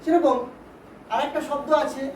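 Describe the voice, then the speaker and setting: Her voice is high, with a steady tone and moderate pace, as she patiently teaches English vowel sounds during a Bengali grammar lesson, repeating words and quizzing pupils to make sure they follow. The audio is distant and roomy, with a faint hiss.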